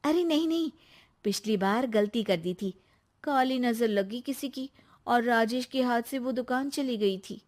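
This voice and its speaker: Lady doing a chatty young bahu in a cartoon, slightly high voice, unhurried. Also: lightly acted. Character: young cheerful married woman, eager daughter-in-law. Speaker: daughter-in-law.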